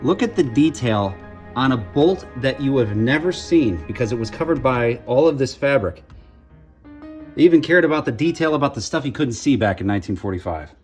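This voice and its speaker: A radio morning show host presents a DIY project, narrating each step of this hands-on tutorial in a casual, folksy, wry way. His medium-pitched voice is expressive and fairly quick, with clear background music as a bed behind it.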